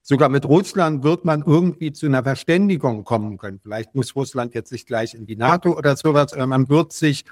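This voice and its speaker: An older man from West Berlin answering interview questions at length, measured and often repeating words as he searches for them. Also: medium pitch, no echo, clean studio sound. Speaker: guest.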